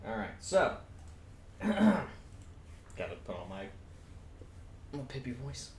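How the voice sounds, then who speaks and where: A man's voice: medium pitch, very animated, slow. A man speaking casually as game master, bantering and narrating a tabletop game. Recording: roomy echo, faint background noise.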